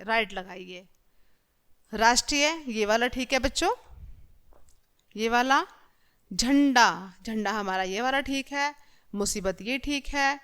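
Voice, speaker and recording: A woman teacher with a clear, smooth, fairly high voice walks young children through a lesson. She explains patiently, reads examples aloud and corrects them one by one. The voice is recorded close to the mic as a voice-over. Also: fairly bright tone.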